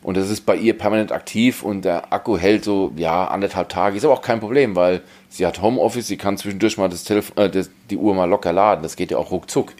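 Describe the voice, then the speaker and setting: Low-voiced man explaining tech. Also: quick pace, hardly any pauses, darkish tone. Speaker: podcast co-host. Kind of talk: casual tech chat.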